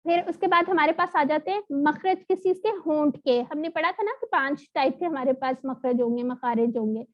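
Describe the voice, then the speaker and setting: A woman teaching an online recitation lesson, explaining patiently and sounding out letters slowly. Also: high-pitched. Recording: dull lo-fi audio.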